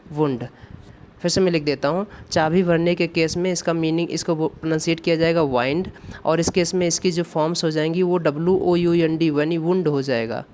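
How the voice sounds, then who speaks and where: A man with an Indian accent teaching an exam-prep English grammar lesson, explaining step by step and reading key sentences slowly. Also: on the high side, a little mellow, a little hiss or hum.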